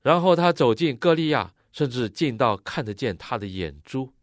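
A man interpreting a sermon phrase by phrase, matching the preacher's expressive delivery. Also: medium pitch, normal speed, no room sound, studio quality.

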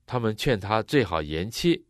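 Male interpreter, deep and animated, expressive, close dry mic. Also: moderate pace, no echo. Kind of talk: consecutive sermon interpretation.

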